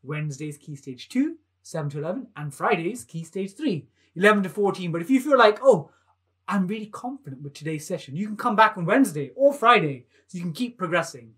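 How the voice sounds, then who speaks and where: Energetic man teaching kids maths. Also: high-pitched, a little fast, hardly any pauses. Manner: enthusiastic, animated, coaxing children to join in. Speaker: maths teacher hosting a live online lesson. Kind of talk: energetic live lesson for young children.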